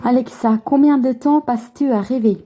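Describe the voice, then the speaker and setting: Brief: woman host issuing short commands, slightly high, mellow voice. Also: normal speed. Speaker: video host testing a smart speaker.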